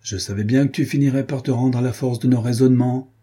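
A man's voice: mid-range voice, steady tone, fast talker, dark tone, husky, close to an everyday voice. A man voicing a wry, teasing manservant in a storybook reading.

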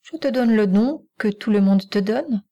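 A woman's voice: mid-range voice, unhurried, mellow, muffled recording, natural voice. A woman reading the part of a stern but loving mother in an audiobook, speaking in a firm, curt way.

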